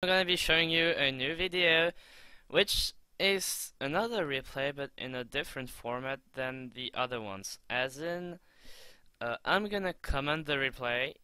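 Bright-voiced excitable young gamer. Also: male voice, a little high, moderate pace, clean tone, no echo. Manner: excitable, swears a lot, stumbling restarts. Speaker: gaming channel host. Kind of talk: gameplay commentary over a replay. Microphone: home desk mic.

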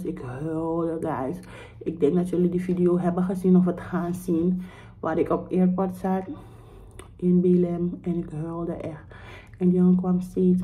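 Young woman, dark mellow voice. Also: fairly low pitch, slight background noise, poor audio. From Suriname. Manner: animated retelling, acts out both sides of the dialogue; mixes English phrases into Dutch. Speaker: vlogger. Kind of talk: casual storytime vlog.

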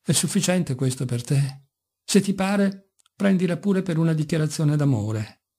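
A man's voice: fairly high pitch, lively intonation, unhurried, warm tone, breathy edge, heavily acted. A man voicing a mocking, brooding young intellectual in an audiobook, speaking with bitter irony. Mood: ironic. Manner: ironic, bitter, sometimes passionate.

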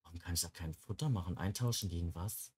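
A man's voice: low voice, fast, darkish tone, husky. A young man giving casual gameplay commentary in a chatty way, often cooing baby talk at the game characters. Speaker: Let's Play gamer.

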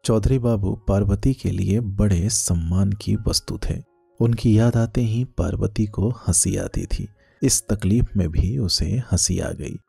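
A man narrating a classic novel as an audiobook in a steady, measured way. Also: on the low side, vocal fry, breathy edge, no echo, faint music behind. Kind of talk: novel reading.

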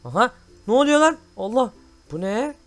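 A man hosting excited gameplay commentary, full of loud exclamations. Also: very high voice, moderate pace, soft background music. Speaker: gaming host.

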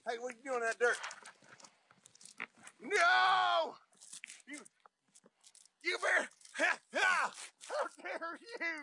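An old prospector, high drawl. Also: male voice, expressive, extremely slow, gravelly, pauses often, slight background noise, full character voice. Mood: indignant. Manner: wheedling, then indignant shouting. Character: scheming old male prospector craving online likes.

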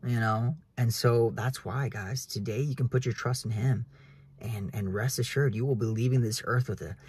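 Young man, husky, earnest preachy vlogger, phone selfie in a car. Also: medium pitch, steady tone, moderate pace, darkish tone. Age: young adult. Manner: earnest, preachy, repeats "guys". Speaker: realtor vlogger. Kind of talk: casual faith talk to camera. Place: inside a car. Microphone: phone at arm's length.

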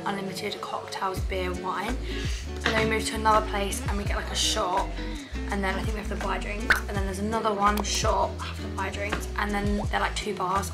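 A young woman with an English accent and a croaky, half-lost voice, chatting casually and rambling to camera. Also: medium pitch. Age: young adult. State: croaky, losing voice. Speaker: vlogger. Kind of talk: casual vlog chat to camera. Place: indoors in a room, by curtains or on a bed. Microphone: camera at arm's length.

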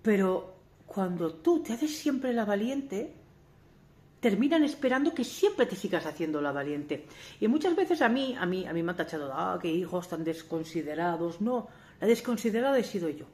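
A woman in her forties talks straight to camera in a family vlog. Her voice sits a little low. She is candid and emphatic, breaks off to restart, and keeps asking her viewers rhetorical questions. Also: sing-song, fairly quick, darkish tone. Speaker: family vlogger. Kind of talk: talking to camera.

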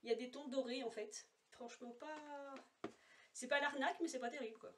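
A woman's voice: high voice, steady tone, brisk, background noise. A woman making a casual makeup swatch vlog at home, chatty and rambling with many fillers, talking to a camera set apart from her. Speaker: beauty vlogger. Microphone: camera set apart, no monitor. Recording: voice a little far from the mic.

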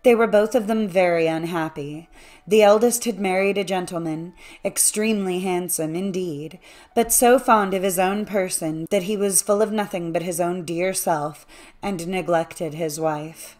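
A woman's voice: lowish voice, a little mellow. Woman narrating a fairy-tale audiobook. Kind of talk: scripted storybook narration.

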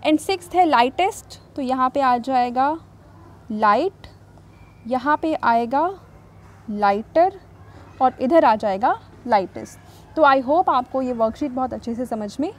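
High-pitched female teacher, patient and methodical, walks students through a worksheet. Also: animated. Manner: patient, reads English rules slowly then explains; repeats "thik hai" to check understanding. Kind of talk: explaining a grammar worksheet.

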